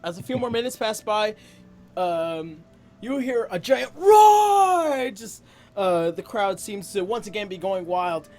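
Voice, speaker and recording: A man narrating a tabletop role-playing game as game master, hesitating often with ums and uhs. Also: high-pitched. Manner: slow, halting narration full of ums and uhs.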